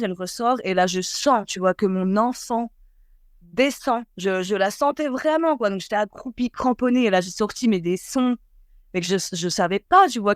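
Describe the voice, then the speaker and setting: A woman's voice: mid-range voice, no echo, clean studio sound. A woman telling her own birth story in a casual, chatty way. She leans on fillers and acts out the lines of the people she quotes.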